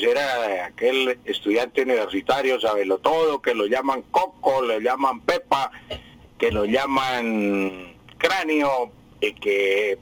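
A man from Colombia on the radio, patiently explaining word meanings to listeners, slowly and with many fillers. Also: mid-range voice, fairly bright tone, husky, no echo, poor audio. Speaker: radio language teacher answering listeners.

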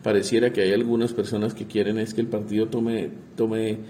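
Congressman, male, deep dark tone, halting interview answers, faint hiss. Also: level tone. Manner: halting, repeats words while searching.

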